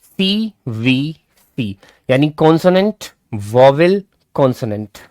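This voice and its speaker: A man teaching a live online class in a lively, swooping voice that sits a little high for a man. He hammers each rule home by repeating it and keeps nudging his students along. The sound is dry and close, with no room around it. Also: measured pace, no echo. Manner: animated, repeats key points, calls students "kids". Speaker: English grammar teacher.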